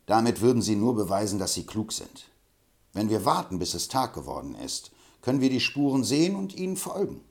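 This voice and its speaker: A man reading an audiobook, voicing a calm, stern frontier hero who speaks firmly and commandingly. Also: lowish voice, brisk, vocal fry. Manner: firm and commanding.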